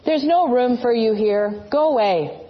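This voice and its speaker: A woman voicing a gruff, dismissive male innkeeper in a storybook reading. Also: on the high side, measured pace, muffled recording, a little hiss or hum, close to an everyday voice. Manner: curt, dismissive.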